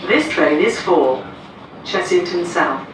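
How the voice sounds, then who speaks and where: An automated onboard train announcement, spoken slowly with a lot of rise and fall in the pitch. It comes through the carriage speakers with heavy echo and sounds distant from the mic. Loud train noise rumbles underneath. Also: lively intonation. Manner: slow, measured, clearly spaced delivery. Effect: automated onboard train announcement over speakers. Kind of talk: pre-recorded passenger announcement. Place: inside a moving train carriage.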